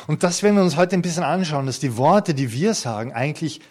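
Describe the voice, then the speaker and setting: A man's voice: on the high side, expressive, fast talker, darkish tone. A man in his fifties preaching an earnest, conversational sermon to a congregation, with touches of light humor. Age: 50s. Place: church hall before a congregation.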